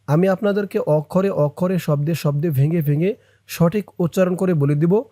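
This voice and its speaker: Male Quran reading teacher with a high, smooth voice. Slow, syllable-by-syllable drilling in a dry recording. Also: dark tone, no room sound. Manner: breaks verses into syllables and repeats them slowly; measured chanting recitation. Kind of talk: Quran reading lesson, recitation and spelling drills.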